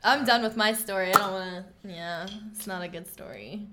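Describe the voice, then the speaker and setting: A woman's voice: medium pitch, moderate pace, noisy background. A young woman in casual podcast chat with her partner, easygoing and agreeable, often giggling. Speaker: podcast co-host.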